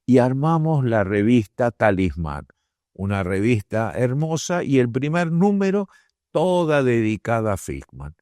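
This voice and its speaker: Unhurried older man storyteller. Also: mid-range voice, very animated, mellow, no room sound, studio quality. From Argentina. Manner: unhurried, acts out quoted dialogue with pauses. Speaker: guest. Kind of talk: reflective anecdote storytelling.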